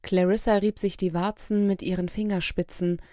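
A woman narrating an audiobook in a calm, measured reading voice, recorded close to the mic. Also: medium pitch, dry recording. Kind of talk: scripted narration.

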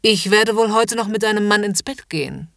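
A woman's voice: mid-range voice, a little fast, creaky, a bit bright, dry recording, clean studio sound, voice pushed up. A woman voicing a haughty, domineering upper-class lady in a commanding, mocking whispered role-play.

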